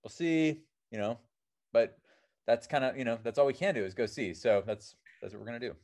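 This mountaineer guest, born in New Zealand and raised in Seattle, is an American man in his 30s who climbs alpine routes and makes films. In casual interview answers he rambles with plenty of "um" and "you know," speaking fairly quickly at medium pitch with a darkish tone.

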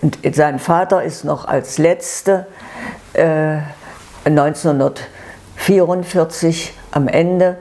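A sweet old lady in her nineties recounts her life in a dark, mellow voice. She speaks gently and haltingly, often pausing to find the word or repeating what she said. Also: low voice, steady tone. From eastern Germany. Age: 90s. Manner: halting, searching for words, repeating herself. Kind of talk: unscripted personal life story.

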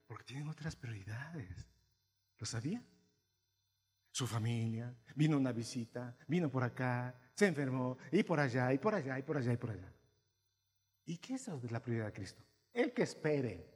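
A male pastor preaching to his congregation, asking them questions and swinging between quiet asides and loud, emphatic bursts. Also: medium pitch, sing-song, normal speed, slightly rough. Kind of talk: sermon. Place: church hall. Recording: long hall reverb.

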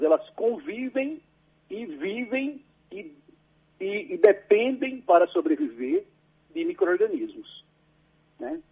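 A man's voice: high-pitched, creaky, breathy edge, narrow, tinny audio. A man explaining his research to a radio host over a landline phone, patient and careful, often tagging his sentences with a questioning "right?". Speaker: agricultural researcher, interview guest.

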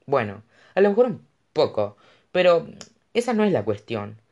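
A woman's voice: sits low, big pitch swings, normal speed, darkish tone, lo-fi sound, pitched above the performer's own voice, full character voice. A narrator voicing a tipsy, indignant young woman who talks defensively and rambles in an audiobook. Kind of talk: audiobook character voice.

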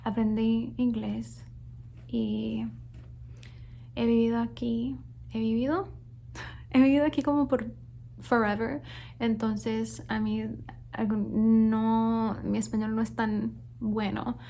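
A woman's voice: a little high, flat delivery, takes it slowly, vocal fry, long pauses. Whispering Colombian-born woman, ASMR ramble. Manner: soft whisper, switching between Spanish and English, repeating words for tingles. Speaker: ASMR creator. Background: faint thunderstorm sounds.

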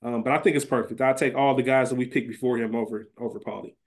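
With a medium pitch, steady tone, and quick pace, a man co-hosts a podcast full of profane, casual banter. Treating a TV series like a sports draft, he mulls his options out loud and keeps repeating himself.

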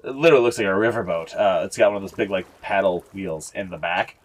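A man's voice: deep voice, fast talker. A young man narrating a tabletop game as game master, rambling with many fillers and casual swearing. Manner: rambling, lots of fillers, profane.

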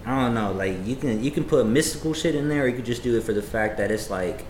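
A man's voice: medium pitch, expressive, quick pace, darkish tone. A man hosting a casual show, laid-back and joking, with slangy talk full of swearing and "bro". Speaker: podcast host. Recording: echoey room, clear background noise.

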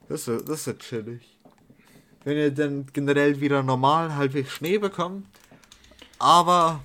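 A man's voice: medium pitch, fairly bright tone. A young man in casual chat with friends, rambling with fillers, slang and swearing.

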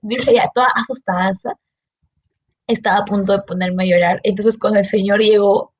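A young woman with a Peruvian Spanish accent, a student telling an anecdote in a casual, animated way with frequent laughs. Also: medium pitch, muffled recording, a little hiss or hum. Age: young adult. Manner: animated, laughs often, quick asides. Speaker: engineering student, guest.

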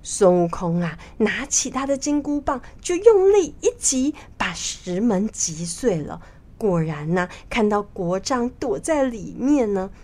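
Woman narrator for a children's tale; slow, expressive, mid-pitched delivery. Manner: slow and expressive, drawn-out particles. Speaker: storyteller.

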